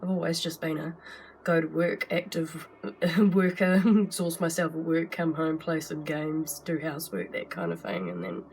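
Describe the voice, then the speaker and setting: Chatty woman with a gravelly sick voice. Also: deep voice, moderate pace, darkish tone, slight background noise. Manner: chatty and rambling, with frequent laughs and fillers. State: sick, rough voice. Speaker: art vlogger. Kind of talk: casual vlog to camera. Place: home art studio at her desk.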